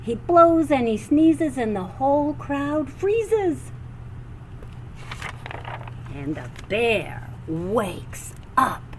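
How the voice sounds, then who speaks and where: A woman reading a children's picture book aloud with animated, sing-song expression and drawn-out phrases. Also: high voice, a little hiss or hum, poor audio. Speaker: storybook reader.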